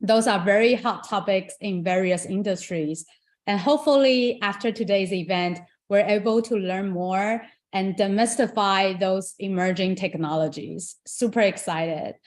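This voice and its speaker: A young woman from Taiwan hosts an online tech forum, greeting people and introducing the day. She sounds upbeat and chatty, with plenty of casual fillers. Her voice sits at a middle pitch. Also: unhurried. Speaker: event moderator. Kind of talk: casual online event hosting.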